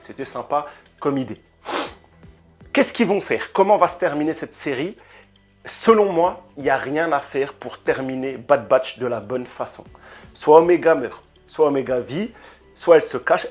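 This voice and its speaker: A male YouTube reviewer with a medium-pitched voice delivers a casual, animated opinion rant into a handheld microphone, often hesitating and repeating words.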